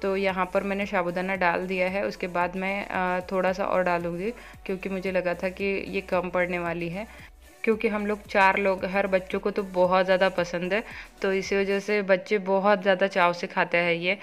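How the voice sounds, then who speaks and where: A woman in her thirties vlogging at home, talking quickly and chattily with many fillers as she cooks and does chores; her first language is Marathi. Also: mid-range voice, little pitch movement, clean tone, faint music behind. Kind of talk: casual home vlog, cooking and chores.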